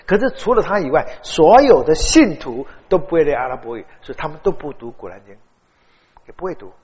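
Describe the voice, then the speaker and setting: Middle-aged male preacher, fairly high voice, lively storyteller; dull sound with long hall reverb. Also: fairly quick. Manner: animated storytelling, acts out dialogue. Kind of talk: sermon.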